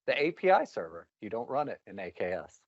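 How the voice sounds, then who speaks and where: A man's voice: fairly low pitch, very animated, a little fast, no room sound. A man presenting a technical talk to a live meetup audience, wry and rambling, with candid asides. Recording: dull, muffled meetup recording.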